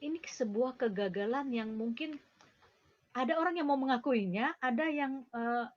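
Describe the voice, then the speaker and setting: A woman's voice: fairly high pitch, normal speed, highs cut off. A woman hosts an interview, asking long questions with many hesitant "eh" fillers. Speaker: interview host. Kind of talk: hosting an interview.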